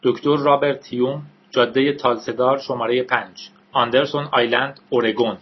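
A man voicing a cold, calculating military computer in a flat, measured way. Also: mid-range voice, slightly rough, lo-fi sound, natural voice.

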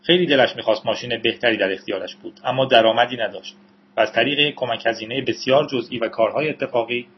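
Male audiobook reader, husky, steady storyteller, dull lo-fi sound. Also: mid-range voice. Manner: steady storytelling with a brief aside to listeners. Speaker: audiobook narrator. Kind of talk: novel read aloud.

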